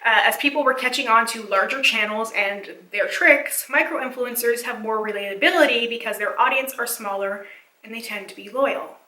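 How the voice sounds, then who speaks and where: A woman giving a casual, analytical video essay commentary, chatty with many fillers, her voice slightly hoarse and cracking. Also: a little high, normal speed, pushed and bright, echoey room, far from the mic, poor audio.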